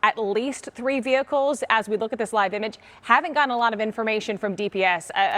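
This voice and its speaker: Woman, American accent, traffic reporter, live television report, medium pitch. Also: fairly bright tone. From Arizona, US.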